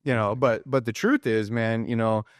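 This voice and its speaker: A middle-aged man, a guest on a podcast, talking in a casual, animated way and peppering his speech with dude and bro. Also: mid-range voice, moderate pace. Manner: animated storyteller, slangy, says dude and bro. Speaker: podcast guest, recovery center director. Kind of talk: casual conversation.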